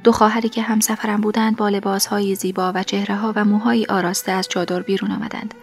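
A woman reading a first-person story aloud as an audiobook, in a soft delivery that often drops to a half-whisper. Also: medium pitch, level tone, soft background music. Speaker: audiobook narrator.

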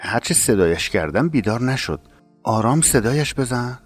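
A man playing a kind, honorable middle-aged master of a household in a narrated story, speaking slowly and gently. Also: medium pitch, lively intonation, husky, faint music behind. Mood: gentle.

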